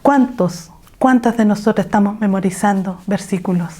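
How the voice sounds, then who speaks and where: Woman teaching a warm Bible lesson. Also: mid-range voice, normal speed. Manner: exhortative, asks the listeners rhetorical questions. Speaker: women's Bible study teacher. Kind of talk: online women's Bible lesson. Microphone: video call.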